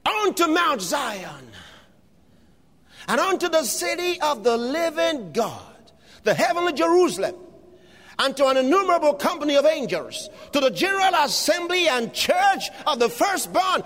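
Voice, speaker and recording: A man preaching with a very high voice that swoops up and down with lively inflection. He delivers his words slowly and deliberately, shouting his refrains to the congregation. His voice carries a long reverb, as if he is at the front of a large church hall. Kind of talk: fervent sermon with scripture reading.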